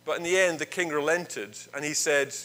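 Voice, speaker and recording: Bright-voiced Scottish minister telling a story. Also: male voice, fairly high pitch, normal speed, rough recording. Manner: chatty, playful, acts out the story's voices. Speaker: minister leading a church service. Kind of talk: informal sermon storytelling to a congregation.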